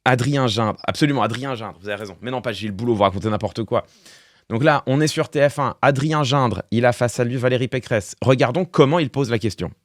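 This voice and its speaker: A man's voice: mid-range voice, fairly quick, no room sound, clean studio sound. A man streamer giving casual live-stream commentary, thinking aloud with fillers and restarts. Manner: talks through thoughts with fillers and restarts, wry laughs.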